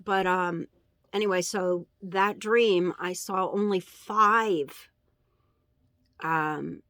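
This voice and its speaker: A woman recounting a dream in a casual religious testimony, halting and earnest, with many fillers and pauses. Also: fairly low pitch, steady tone, fairly bright tone, dry recording, studio quality. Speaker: vlogger sharing a dream.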